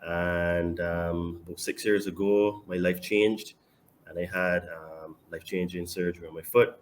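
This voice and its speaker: A man from Barbados with a Barbadian accent, a guest on a casual podcast, speaking confidently and emphatically with sudden bursts of loudness. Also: sits low, steady tone, unhurried, slight background noise. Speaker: podcast guest and online fitness coach.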